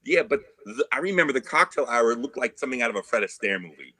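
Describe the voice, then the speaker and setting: A man who is a guest musician on an interview, telling animated stories and acting out other people's voices. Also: medium pitch, quick pace, dry recording. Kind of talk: casual interview chat.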